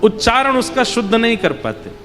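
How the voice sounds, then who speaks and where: High-voiced man preaching a devotional sermon. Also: moderate pace, long reverb tail, music in the background. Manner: acts out child and mother voices in the story, lively. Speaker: Bhagavat katha preacher.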